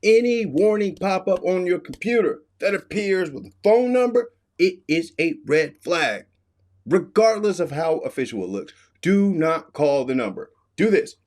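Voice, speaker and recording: This middle-aged American expert host speaks in a high voice with a darkish tone, lively intonation, and a moderate pace. His explainer commentary is forceful and teaching-focused, with important warnings said more than once.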